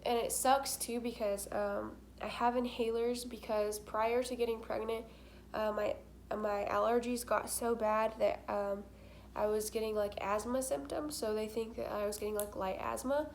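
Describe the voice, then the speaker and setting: A woman's voice: a little high, fairly even intonation, moderate pace, slight background noise. A young woman talking candidly to her camera, with a congested nose and short of breath, filling her talk with "like". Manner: chatty, candid, many fillers, stuffy-nosed. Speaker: vlogger.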